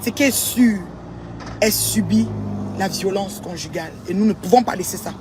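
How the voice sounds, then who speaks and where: A woman's voice: mid-range voice, normal speed. A woman records a casual vlog monologue outdoors as a social media commentator. She talks emphatically and repeats her points over and over, calling her listeners "maman." Faint traffic noise sits in the background. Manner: emphatic, repetitive, keeps addressing listeners as "maman".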